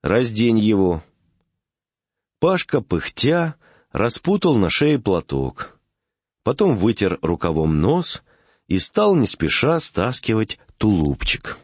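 A man narrating a classic short story in a measured, expressive reading. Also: lowish voice, breathy edge, no echo.

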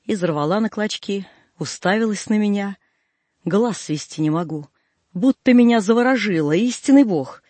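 A man reads a first-person folk tale in a folksy, plaintive way. His voice is high for a man and husky, with some breath in it. The recording is close and dry. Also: expressive, normal speed, darkish tone, no room sound. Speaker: audiobook reader.

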